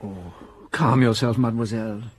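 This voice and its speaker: A man's voice: fairly low pitch, moderate pace, slightly rough, no room sound. A man playing a shrewd, courteous police inspector who questions a witness with polite probing in a radio drama.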